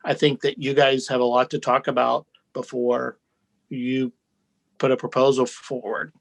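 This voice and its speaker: Slow-talking man chairing a meeting. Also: mid-range voice, flat delivery, vocal fry, poor audio. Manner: measured, directs the discussion. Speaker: committee chair.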